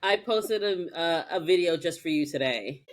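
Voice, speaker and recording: A woman's voice: on the low side, moderate pace. A woman co-hosting a podcast, recapping a TV episode in casual chat and acting out lines with plenty of swearing. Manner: animated retelling with acted-out quotes, profane. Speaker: podcast co-host.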